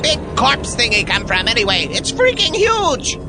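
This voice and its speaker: Comedy radio play: hysterical mad scientist, high and wildly swooping, theatrical. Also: female voice, very animated, moderate pace, over music. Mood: melodramatic panic. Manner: theatrical exclamations. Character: hysterical, melodramatic, foolish mad scientist doctor. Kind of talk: comedy audio drama.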